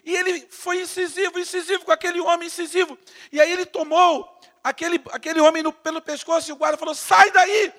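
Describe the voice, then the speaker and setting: A man with a Brazilian Portuguese accent preaching a sermon with fervor, swinging from loud to hushed and stammering as he builds his points. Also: extremely high pitch, level tone, fast talker, big-room sound. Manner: stammers and repeats words while building to a point. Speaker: pastor.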